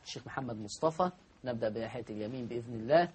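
A man with an Egyptian accent teaching Quran recitation rules, drawing out example words slowly and asking his class questions. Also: mid-range voice, lively intonation, a little mellow, a little hiss or hum. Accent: Egyptian Arabic. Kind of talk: spoken lesson on recitation rules.

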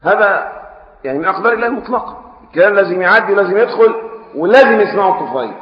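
A man preaching a religious lesson with an Egyptian Arabic accent. He explains classical texts in everyday speech, switching between loud emphatic stresses and quiet asides, and he puts questions to his audience. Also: sits high, lively intonation, racing. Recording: echoey hall, dull lo-fi sound.

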